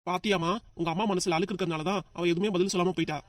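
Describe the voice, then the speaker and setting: A woman voicing a calm, coaxing elderly grandfather who keeps the peace in a family cartoon. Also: lowish voice, rapid-fire, no echo, natural voice. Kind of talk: cartoon dub acting.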